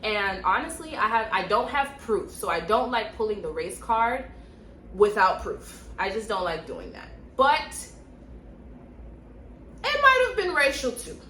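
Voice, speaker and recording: A woman's voice: medium pitch, sing-song, unhurried, pushed and bright, slight background noise. Young woman vlogger in an echoey room. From Miami, Florida. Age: young adult. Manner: direct, emphatic, repeats points for stress. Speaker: nurse and vlogger. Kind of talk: casual storytime advice.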